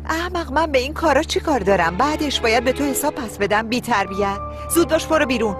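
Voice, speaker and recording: A woman's voice: high voice, lively intonation, over music. A woman dubbing a haughty lady of the house who snaps at her maid. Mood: scornful. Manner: scornful, snappy.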